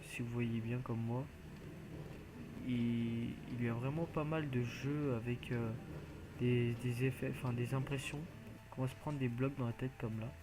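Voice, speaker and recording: A man's voice: mid-range voice, level tone, unhurried, background noise. A man giving casual, rambling commentary as he plays a video game, hesitant and full of filler sounds. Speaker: video game let's player.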